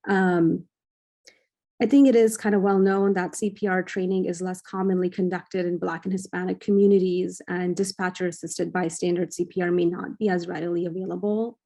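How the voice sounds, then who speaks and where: Young woman fellow presenting research; mellow, creaky voice, measured delivery with plenty of ums. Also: on the low side, flat delivery. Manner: measured, frequent "um" fillers. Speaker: cardiology fellow presenting at journal club. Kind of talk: academic presentation.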